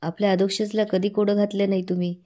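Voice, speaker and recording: A woman voicing a sharp-tongued older mother-in-law who scolds and mocks. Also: medium pitch, level tone, fast talker, lightly acted. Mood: scornful.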